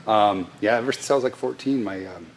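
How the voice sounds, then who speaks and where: A man's voice: lowish voice, a little fast, slight background noise, poor audio. A man chatting casually in a machine shop, rambling with fillers and restarts as he shows off new equipment.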